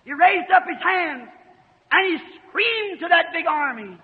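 A man preaching a fiery sermon, emphatic and bursting into shouts, on an old tinny archive recording in a reverberant hall. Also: very high-pitched, expressive, slow.

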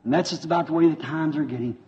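A man preaching with fervent, folksy repetition. His voice is mellow and sits a little high. It comes through a dull, lo-fi old sermon recording. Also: fast. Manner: fervent, folksy, repeats himself. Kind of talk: revival sermon with interpreter.

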